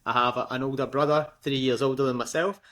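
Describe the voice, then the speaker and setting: A young Scottish man with a matching accent chats as a guest in a casual interview, laughing often and using plenty of fillers. His voice is medium-pitched and a bit bright, with fairly even intonation and a quick pace.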